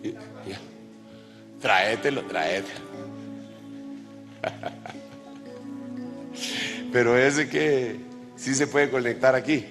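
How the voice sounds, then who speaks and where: Slow-preaching man in a reverberant church. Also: mid-range voice. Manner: lively, jokes with the congregation, then prays fervently. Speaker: apostle preaching to pastors. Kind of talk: sermon. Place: large church hall. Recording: long church-hall reverb with faint music.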